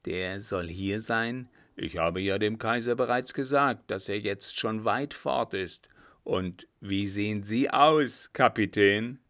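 A man's voice: fairly low pitch, takes it slowly, fairly bright tone. A man doing a sly drawling old coachman. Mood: gruff. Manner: drawling, stubborn, mocking. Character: sly, unhurried old coachman, proud dog owner.

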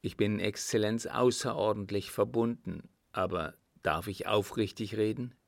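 A man reading an audiobook voices an earnest young army officer who speaks calmly and politely. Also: on the low side, creaky, no room sound, clean studio sound. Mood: resigned. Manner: calm, measured and formally polite.

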